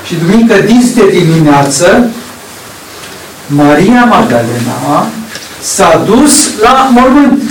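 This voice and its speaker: A man preaching a sermon slowly and deliberately, pausing between phrases. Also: high voice, slight background noise. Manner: slow, deliberate preaching with long pauses. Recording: roomy echo, distant from the mic.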